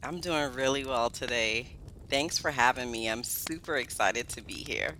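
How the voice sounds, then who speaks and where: A psychiatrist in her thirties, from Guyana and raised in Brooklyn, New York, is a guest on a podcast interview, upbeat, lively and quick to laugh. Her voice is extremely low-pitched at a moderate pace, and the low-quality recording has slight background noise.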